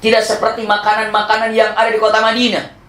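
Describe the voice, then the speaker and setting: A man voicing a poor mother at the border, in a strained, high, pleading voice, in an echoey room. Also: completely flat delivery, fast, a bit bright.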